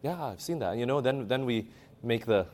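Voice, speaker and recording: A man's voice: medium pitch, expressive, a little fast, a little mellow. A man preaching a sermon, emphatic, asking the audience questions and reading scripture aloud.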